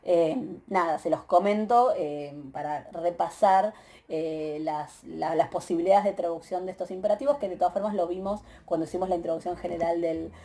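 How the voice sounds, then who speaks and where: Argentine woman teacher, mellow methodical lecture. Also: lowish voice, normal speed. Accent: Argentine Spanish. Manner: methodical, explanatory, many filler "eh"s and rhetorical "¿sí?" checks. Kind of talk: recorded grammar lecture.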